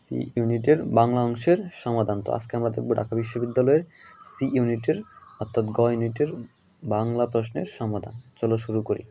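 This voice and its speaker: A man from Bangladesh takes students through exam questions, reading each one out and repeating the answer. His voice sits at an ordinary middle pitch. The audio is a little dull and lo-fi. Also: brisk, creaky, a little hiss or hum. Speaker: teacher.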